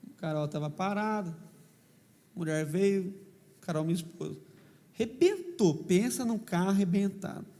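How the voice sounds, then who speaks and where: Male pastor, São Paulo accent, high-pitched, humorous storyteller, reverberant hall recording. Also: measured pace, long pauses. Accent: São Paulo Brazilian Portuguese. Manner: humorous, animated, questions the congregation. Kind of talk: lively preaching with stories. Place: church hall.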